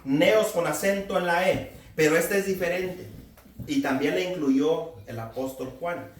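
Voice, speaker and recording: A man in his forties delivers a sermon in a fairly high voice, exhorting his listeners and addressing them directly. He stands some way from the microphone, and the room rings with echo. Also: moderate pace, distant mic, a little hiss or hum. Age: 40s. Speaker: preacher.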